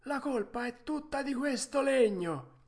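Dude putting on a squeaky old carpenter, way up high, polite and meek. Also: male voice, expressive, unhurried. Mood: defensive. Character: timid old male carpenter. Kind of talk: storybook reading.

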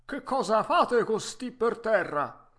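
A man voicing a hot-tempered old woodcarver in a storybook reading, loud and theatrical. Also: sits high, big pitch swings, voice pushed up, heavily acted. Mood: cheerful, pleading. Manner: loud, theatrical, quick to anger.

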